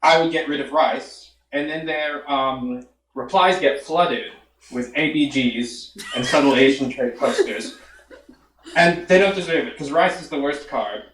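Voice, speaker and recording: A man's voice: mid-range voice, measured pace, fairly bright tone, reverberant, a little hiss or hum, low-quality recording. A man with an Australian accent calling in to a chat show, delivering an opinion in a laid-back, hesitant way. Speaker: caller. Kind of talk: casual chat.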